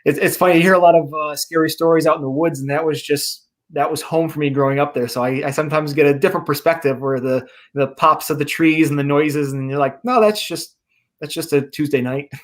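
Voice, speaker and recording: A man's voice: on the high side, fairly even intonation. A man from upstate New York, an author reading his own horror story aloud over a video call and then chatting in a Q&A. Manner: measured reading; chatty with fillers in talk.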